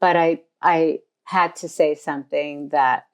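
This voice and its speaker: An older woman from the United States, hosting a casual interview, complimentary and thinking aloud with pauses. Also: low voice, fairly even intonation. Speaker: podcast host, fashion designer.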